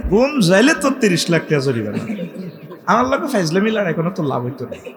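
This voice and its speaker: Guy preaching to a crowd, fairly high voice, jokes around, sings bits. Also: very animated, fairly quick, long reverb tail. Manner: joking, calls out to crowd, sings phrases. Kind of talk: humorous sermon.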